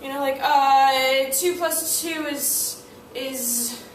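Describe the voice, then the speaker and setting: Animated woman teaching from across a classroom. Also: high-pitched, drawn-out words, a little hiss or hum. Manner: animated, acts out student and teacher lines in quotes. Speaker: language teacher. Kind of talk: classroom instruction. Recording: echoey room, mic at a distance.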